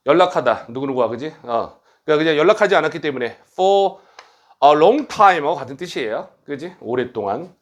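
Teaching grammar at the academy he directs, a middle-aged man speaks briskly and bluntly, poking fun at students and slipping in quick questions. His pitch is a little high, with lively intonation.

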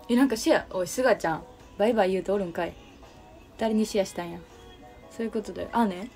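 A woman's voice: mid-range voice, fast, pauses often, warm tone, faint music behind. A young woman with a Kansai Japanese accent hosting a casual livestream, chatting and answering viewer comments. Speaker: livestream host.

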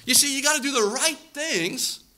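A man in his thirties preaching a sermon through personal stories, animated and acting out quoted voices. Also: very high-pitched, moderate pace. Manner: animated, acts out quoted voices, shouts for effect. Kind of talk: storytelling sermon.

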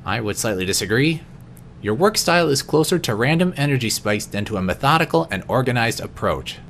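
A man reading personality quiz questions aloud in an unscripted vlog, answering each one in a quieter, lower voice with the odd stumble. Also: lively intonation, a little fast, a little hiss or hum. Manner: occasional stumbles and restarts. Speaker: vlogger.

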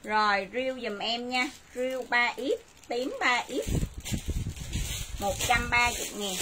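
A woman hosts a live clothing sale and rattles off sizes and prices in brisk, repetitive bursts. Her voice sits a little high. Steady noise runs under the recording. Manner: brisk, repeats sizes and prices, addresses viewers. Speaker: livestream clothing seller. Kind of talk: live sales stream. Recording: noisy livestream audio.

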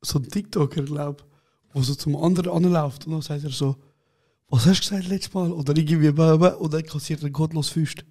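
A man with a slightly higher voice co-hosts a relaxed podcast chat. He tells animated, slangy anecdotes and laughs often. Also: quick pace. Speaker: podcast co-host. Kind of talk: casual chat, storytelling.

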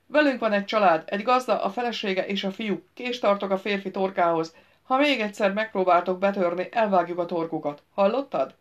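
A woman's voice: medium pitch, dull audio, lightly acted. A woman reading an audiobook and voicing a wounded male thief who roars threats. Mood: threatening. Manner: roaring threats.

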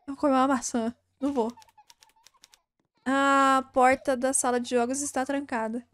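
A young woman with a high voice talks through a spooky game, jumpy and nervous, breaking into squeals and laughter when something startles her. Faint rain and thunder sound behind her voice. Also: level tone, normal speed, fairly bright tone, clear, resonant tone. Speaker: gaming streamer. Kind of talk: casual let's-play commentary.

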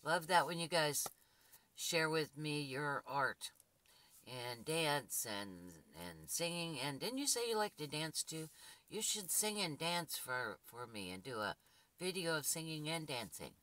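A woman with a husky, gruff, dark voice, hosting her channel and talking casually to viewers with rambling restarts and fillers. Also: low voice, big pitch swings, measured pace. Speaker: spiritual channel host.

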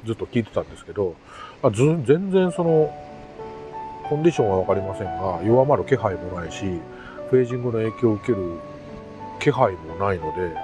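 Music runs in the background as a Japanese ham radio hobbyist in middle age talks casually to his camera. His fairly low voice is expressive and quick, and his manner is relaxed, wandering, and self-deprecating.

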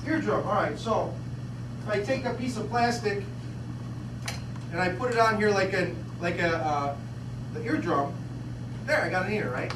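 A man's voice: high voice, moderate pace, long pauses. A man teaching physics to a class, asking lots of questions and repeating words as he demonstrates. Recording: echoey classroom, distant mic, background noise.

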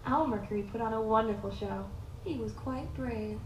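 Woman as a commanding villainess, high-voiced, echoey. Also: normal speed, noisy background, natural voice. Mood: smug, commanding. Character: smooth, commanding young female villain, menacingly polite. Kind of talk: animated series acting. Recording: echoey show playback under loud music.

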